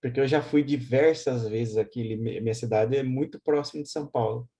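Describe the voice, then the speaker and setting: A man hosting a spiritual study group, speaking in a calm, reflective way. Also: medium pitch, brisk.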